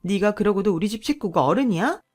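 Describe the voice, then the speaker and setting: A bossy, grasping sister-in-law in a radio drama, as a woman plays her, barking rude demands in a voice of middling pitch. Faint music plays behind her. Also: lively intonation, fast talker, darkish tone, natural voice. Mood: angry.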